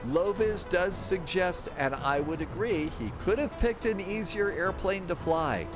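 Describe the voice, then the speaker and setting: Clear music plays as a man with a high, animated voice runs a live flight-sim stream at a measured pace. He reads out viewer comments and rambles casually, thinking aloud.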